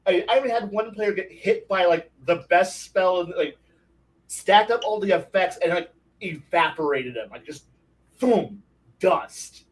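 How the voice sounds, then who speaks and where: High-voiced man telling gory game tales. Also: measured pace, distant mic, low-quality recording. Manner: animated, profane storytelling with vivid gory detail. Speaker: game master on a discussion panel. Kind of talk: casual panel discussion.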